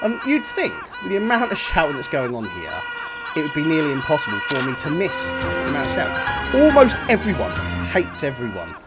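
A man commentating his own playthrough of a game in an animated, joking, self-mocking way, full of exclamations. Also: a little high, fairly quick. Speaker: gaming video host. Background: game music.

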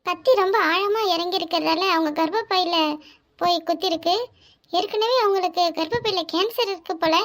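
A shrill, curt cartoon nurse. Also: female voice, brisk, fairly bright tone. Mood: businesslike. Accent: southern Tamil Nadu. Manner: businesslike, curt. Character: brisk hospital nurse, curt and stern.

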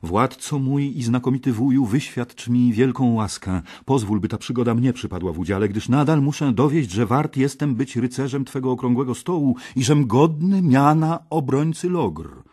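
A man's voice: mid-range voice, animated, normal speed, few pauses, mellow, breathy edge, voice pushed up. Guy doing a loyal young knight, all fired up, audiobook. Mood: pleading. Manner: pleading, impassioned.

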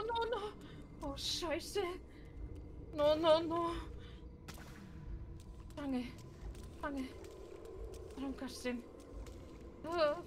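A woman's voice: very high voice, exaggerated voice. A woman playing a frightened young woman in a live game roleplay who panics, babbles to herself and slips into Spanish exclamations. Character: frightened young woman lost in a horror scene. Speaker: roleplay streamer. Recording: game noise behind the voice.

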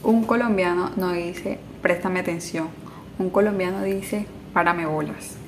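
A woman vlogger giving a casual spoken explainer of slang, playfully contrasting everyday sayings in a steady rhythm. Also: lowish voice, unhurried, a little hiss or hum.

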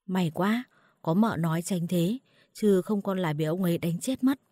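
Woman narrator voicing a scared young son in a storybook reading; hushed and pleading, low, dry. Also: normal speed, no echo, close to an everyday voice. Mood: relieved. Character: young adopted son, timid and frightened.

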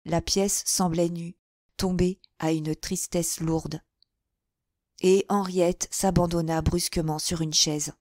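A woman narrating an audiobook of a classic novel, her voice fairly low and her reading very slow and measured. The sound is dry and close, with no room behind it. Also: a little mellow, dry recording. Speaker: audiobook reader.

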